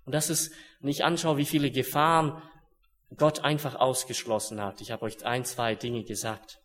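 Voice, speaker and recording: A young man preaching a sermon in an earnest way, dropping to hushed solemn words and then rising to urgent ones. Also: medium pitch, fairly even intonation, moderate pace.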